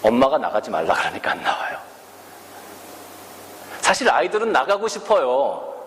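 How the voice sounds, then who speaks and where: A man's voice: mid-range voice, wildly swooping pitch, moderate pace, a bit bright, slight background noise. A male pastor from Korea preaching a sermon with rhetorical questions and acted-out quotes. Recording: echoey church hall, faint ambience.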